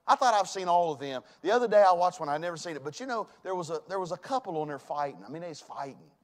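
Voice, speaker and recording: A man's voice: high voice, animated, fast talker. Emphatic pastor in his forties. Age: 40s. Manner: emphatic, swings from loud to hushed. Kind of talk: sermon. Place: church sanctuary.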